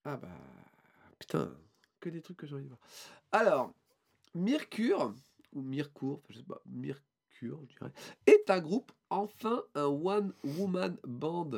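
Guy on a chatty podcast, slightly high voice, lots of um and restarts, rambling. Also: animated, moderate pace, vocal fry. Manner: rambling, hesitant, with many fillers and restarts. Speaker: podcast co-host presenting a band. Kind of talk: casual podcast chat.

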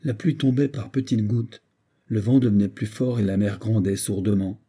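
A man narrating an old story as an audiobook in a measured, even way. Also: lowish voice, slightly rough. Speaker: reader.

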